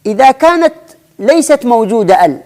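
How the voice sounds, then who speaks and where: A woman's voice: a little high, big pitch swings, mellow. Patient woman teaching spelling. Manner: repeats and restarts phrases, slowly spells out examples. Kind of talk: explanatory lesson.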